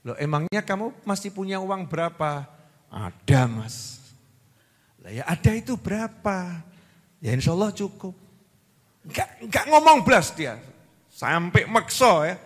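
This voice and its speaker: Lively Javanese-accented preacher in a hall. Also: male voice, high-pitched, a little slow, pauses often. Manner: lively, acts out little scenes, asks the crowd questions. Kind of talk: sermon. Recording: long reverb of a hall.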